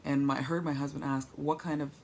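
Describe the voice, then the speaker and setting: A woman's voice: deep voice, steady tone, quick pace, gravelly, darkish tone, a little hiss or hum. A woman, weak and sore after surgery, talking in a rambling, candid, wry way in a casual video diary recorded on a handheld tablet at home. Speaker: patient vlogger recovering from surgery. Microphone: tablet held overhead while lying down.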